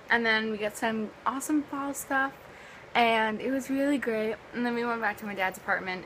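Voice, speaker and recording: A woman's voice: mid-range voice, bright, forceful tone, a little hiss or hum, low-quality recording. Chatty young woman with a sore throat. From US East Coast. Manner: chatty and rambling, many ums and likes. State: sore throat, partly lost voice. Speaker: vlogger. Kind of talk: casual vlog chat.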